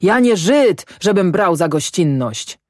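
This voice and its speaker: Woman doing a drunk peasant man, blustering, quarrelsome, slow and low, dry recording. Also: lively intonation, no room sound. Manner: blustering, shouting, fist-pounding.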